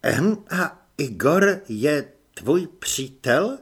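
A man's voice: fairly high pitch, very animated, breathy edge, heavily acted. A man voicing a young woman disguised as a male recruit in an audiobook, speaking dryly and guardedly. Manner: dry, guarded.

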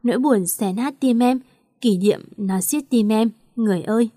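A woman's voice: on the high side, normal speed, warm tone, dry recording, clean studio sound, natural voice. A woman reading the lines of a torn, tearful young woman in an emotional, questioning lament. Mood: longing.

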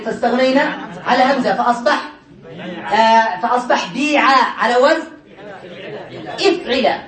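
Male teacher, high voice, explains step by step, laughs often, heard from a distance. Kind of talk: classroom grammar lesson. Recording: echoey room, mic far away.

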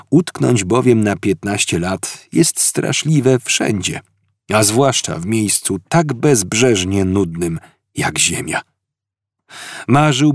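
A man narrating an audiobook with expressive, dryly ironic storytelling. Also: on the low side, no room sound, studio quality. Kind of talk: scripted narration.

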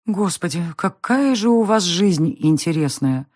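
A kind grown woman who speaks softly to the children around her, amused and a little wistful, as a woman reading the audiobook puts her on. Her voice rises and falls in a lively way as she talks. It is a warm storybook scene. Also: fairly low pitch, unhurried. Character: kind adult woman, curious and fond of children. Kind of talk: audiobook character voice.

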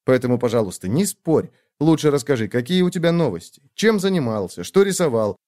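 A man's voice: medium pitch, very animated, brisk, a little mellow, natural voice. A man voicing a chatty young woman, a caring little sister who talks on and on. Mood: chatty, coaxing. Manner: talkative, eager and fussing.

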